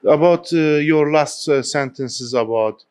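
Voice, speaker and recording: Halting male interviewer and interpreter, dry sound. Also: a little high, a little mellow, clean tone, no echo. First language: Kurdish. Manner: halting, hesitant, searching for words.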